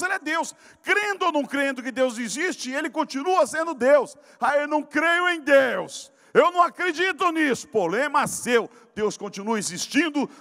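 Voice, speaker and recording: A man from Brazil, a pastor preaching a sermon, telling a story and then rising into shouted exhortation. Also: very high-pitched, big-room sound. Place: church sanctuary.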